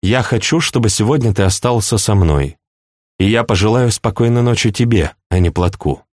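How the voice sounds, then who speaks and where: A man's voice: on the low side, expressive, moderate pace, a little mellow, dry recording, studio quality. A man reading an audiobook, voicing a proud and passionate young princess in a raised, pleading voice.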